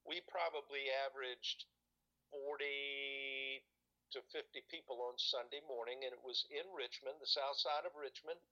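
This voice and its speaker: A man talks in a relaxed, rambling way, stopping often to hunt for the right word. His voice is bright and forceful, and the recording sounds a little dull and lo-fi. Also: medium pitch, normal speed. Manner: rambling, hesitant, searches for words. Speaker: guest recalling church experiences. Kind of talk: casual conversation.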